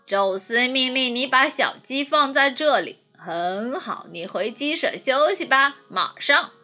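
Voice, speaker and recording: A woman voicing a mysterious, commanding voice that claims to be a god, speaking deliberately in a storybook. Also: high-pitched, lively intonation, sharp tone, soft background music, heavily acted.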